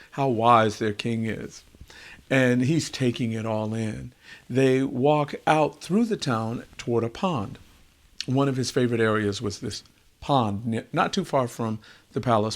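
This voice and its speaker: A male storyteller relating a wisdom tale at an unhurried pace. He leans on repetition to let each moment sink in, with a voice of ordinary pitch for a man. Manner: unhurried, repeats words for effect. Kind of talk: oral wisdom tale telling.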